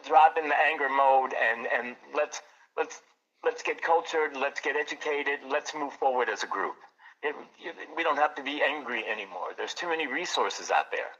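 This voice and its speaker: Bright-voiced man, earnest gallery owner. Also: medium pitch, lo-fi sound. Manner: earnest, repeats words as he talks. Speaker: art gallery owner, guest. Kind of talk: casual interview.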